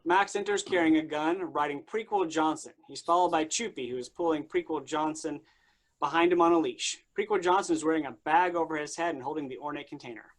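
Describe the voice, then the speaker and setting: A man's voice: on the high side, a little fast. A man narrating a tabletop game as game master in a dry, matter-of-fact way.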